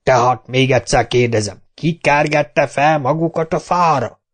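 A man voicing a hot-tempered, bullying male mayor in an audiobook, barking and shouting. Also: medium pitch, voice pushed up, natural voice. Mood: furious. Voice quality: shouting, bossy.

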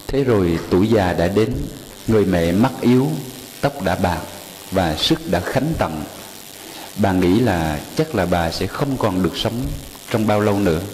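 A man tells a folk tale in a low, mellow voice, unhurried and turning to speak straight to his listeners. His voice rings with a long hall reverb over faint background noise. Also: expressive. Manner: unhurried, addresses listeners directly. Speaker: storyteller.

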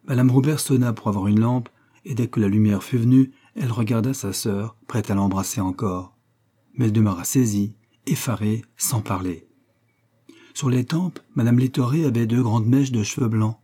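A man narrating a classic short story as an audiobook, in a measured, expressive reading. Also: mid-range voice, husky.

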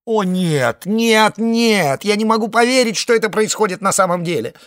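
Male reader as a frantic alien egg, high and wailing, begging for mercy. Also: lively intonation, moderate pace, no room sound, clean studio sound. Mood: panicked. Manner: wailing, pleading, breaking into shouts. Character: panicky alien egg creature, male, a family man, hysterical and pleading.

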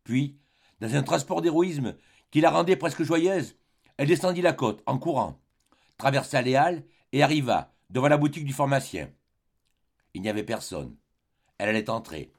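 A man's voice: medium pitch, animated, creaky. Man reading a literary audiobook. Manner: measured and dramatic, with short phrases and pauses. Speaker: audiobook reader.

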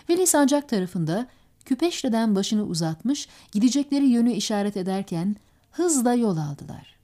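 A woman reading an audiobook narration in a steady, measured way. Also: on the high side.

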